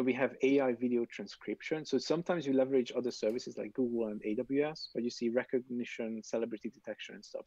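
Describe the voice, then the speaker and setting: A man guest explaining a software tool in a casual, hesitant way with fillers. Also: medium pitch, no room sound, muffled recording. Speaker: guest developer advocate.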